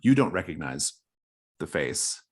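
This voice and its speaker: A man running a tabletop role-playing game as game master, halting and thinking aloud as he narrates. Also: a bass voice, sing-song, a little mellow, breathy edge.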